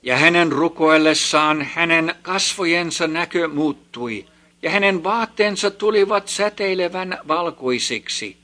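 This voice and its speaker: Bright-voiced male scripture reader. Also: on the high side.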